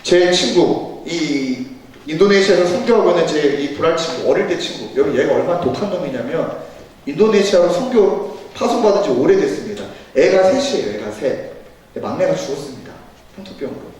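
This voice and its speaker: High, lively male pastor teaching at a church seminar, animated storyteller; recorded far off in a very echoey hall. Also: brisk. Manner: animated storytelling, acts out quoted dialogue.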